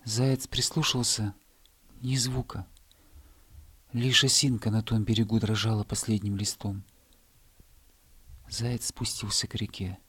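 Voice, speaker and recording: A man narrating a children's storybook, reading slowly, softly and gently. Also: lowish voice, flat delivery, breathy edge, dry recording. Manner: slow, soft, gentle reading. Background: faint music.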